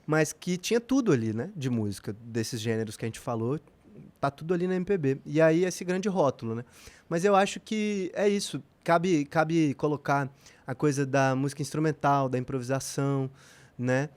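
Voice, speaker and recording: A man's voice: on the high side, moderate pace, a little mellow. A man with a Brazilian Portuguese accent, a musician guest talking in a casual podcast interview, reflective and rambling with many fillers.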